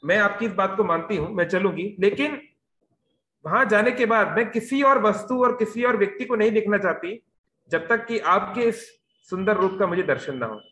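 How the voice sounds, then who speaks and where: A man's voice: sits high, moderate pace, sharp tone. A man voicing a devoted, firm goddess. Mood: pleading. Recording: echoey room over a video call.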